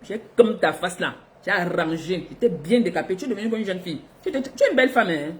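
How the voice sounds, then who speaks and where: Lively middle-aged woman telling stories. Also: on the low side, fast. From Africa. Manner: lively, expressive, laughs between lines. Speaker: vlogger. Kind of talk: casual storytelling to viewers.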